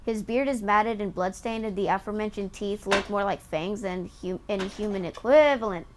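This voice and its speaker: A woman game streamer with a medium-pitched voice reads on-screen story text aloud at a moderate pace, chatting in an amused way as she explains it. There's faint background noise.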